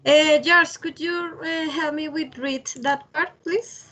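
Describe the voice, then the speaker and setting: A woman teaching an English grammar class over a video call, speaking haltingly with many fillers and restarts. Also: sits high, fairly even intonation, bright, forceful tone, poor audio. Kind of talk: online class lecture.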